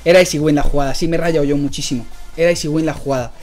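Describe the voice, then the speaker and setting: Excitable Spanish man calling his match live. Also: very fast, soft background music. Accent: Spain Spanish. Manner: excitable, bursts into high yells and chuckles, chatty with viewers. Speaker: streamer and guest instructor. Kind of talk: live gameplay commentary.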